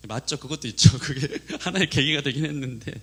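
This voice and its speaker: A man's voice: medium pitch, quick pace, pushed and bright, slightly rough. A male pastor in his thirties preaching a sermon, telling a family story with acted quotes.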